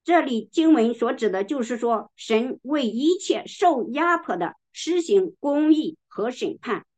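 A woman delivers a sermon in a slow, measured way, leaning on each word as she reads scripture. Her voice sits somewhat high, and she clears her throat now and then. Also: animated, darkish tone. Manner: slow, deliberate, emphatic reading of scripture. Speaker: preacher.

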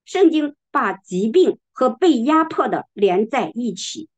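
A woman delivers a sermon in a slow, measured way, leaning on each word as she reads scripture. Her voice sits somewhat high, and she clears her throat now and then. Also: big pitch swings. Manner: slow, deliberate, emphatic reading of scripture. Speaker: preacher.

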